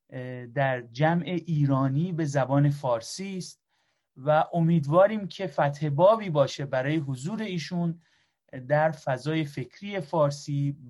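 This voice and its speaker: A man's voice: fairly high pitch, a little mellow. A man moderating a lecture, giving a polite, formal introduction of the speaker with frequent hesitations.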